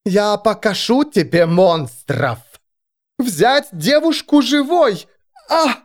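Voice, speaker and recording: A ferocious warrior woman turned monster, as a male narrator puts her on, growling threats with slow heavy weight and a high strained pitch swinging wide. a menacing storybook brute with a lively rising delivery. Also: smooth, heavily acted.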